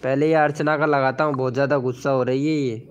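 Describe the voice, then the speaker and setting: A man with a Hindi accent hosts a casual live stream, chatting with viewers, reading out their names and comments, and promoting channels. His mid-range voice is steady and quick, and the lo-fi recording carries faint background music.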